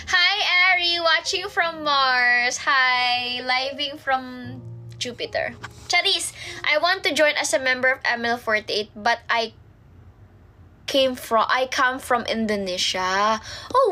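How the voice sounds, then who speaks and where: A woman's voice: sits high, pushed and bright. A young woman from the Philippines on a casual livestream, reading fan comments aloud and answering them playfully. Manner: reads viewer comments aloud and answers them playfully, mixing English and Filipino. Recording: livestream with background music. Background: music playing in the background.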